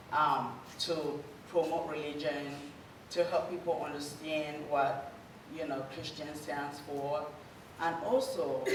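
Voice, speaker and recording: A woman from Cameroon, speaking earnestly and at a measured pace to a church group, often pausing between phrases. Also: deep voice. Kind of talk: informal talk to a church group. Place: church meeting room. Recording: roomy hall audio from a distant mic with faint noise.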